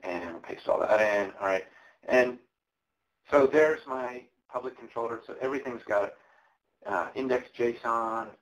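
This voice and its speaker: At a conference presentation, a male tech presenter gives a live coding walkthrough in a casual, explanatory way, dropping ums and uhs as he loses his voice. His voice sits in the mid range and moves at a measured pace, and the recording sounds lo-fi.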